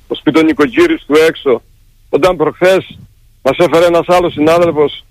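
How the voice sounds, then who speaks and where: An exhausted man from Crete speaks as a union secretary on live radio. His voice sits high and rough with fry, and he talks in an agitated, pleading rush. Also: big pitch swings, no echo, low-quality recording. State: exhausted, sleepless.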